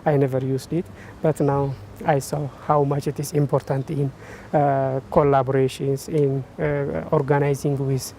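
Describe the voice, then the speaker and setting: A man from Ethiopia describes his research in a level, dark-toned voice with little melody. He stops often with fillers while he searches for words. A faint hum of ambience sits in the background. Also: mid-range voice, flat delivery, unhurried, vocal fry. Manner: hesitant, many fillers. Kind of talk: interview testimonial.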